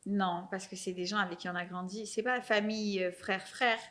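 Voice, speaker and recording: A young adult woman from France, hosting a podcast in relaxed, talkative conversation with a guest. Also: medium pitch, moderate pace. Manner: chatty, self-described chatterbox. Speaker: podcast host. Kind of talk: casual chat.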